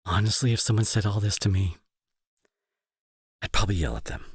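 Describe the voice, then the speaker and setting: In an intimate dramatic audio roleplay monologue, a man plays an angry bully turned remorseful, protective, grieving brother. His fairly low voice is husky and breathy, recorded clean in a studio without echo. He sounds earnest and consoling, halting and emotional as he pleads.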